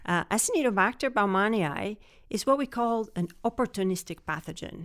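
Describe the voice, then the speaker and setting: A woman's voice: mid-range voice, expressive, fairly quick. A middle-aged woman raised in Portugal, earnestly explaining her microbiology research in an interview. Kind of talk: interview answers.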